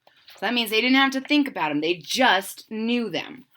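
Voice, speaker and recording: Here a woman with a slightly high voice reads a children's story at a moderate pace, in the role of a kindergarten teacher. Along the way she offers expressive comments to help the little ones understand.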